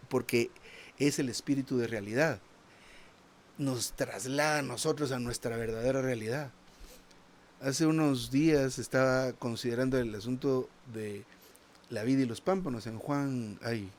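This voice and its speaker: A man's voice: medium pitch, a little mellow. A man preaching a sermon in a conversational tone, often asking the congregation "¿verdad?" and repeating small words as he searches for the next phrase.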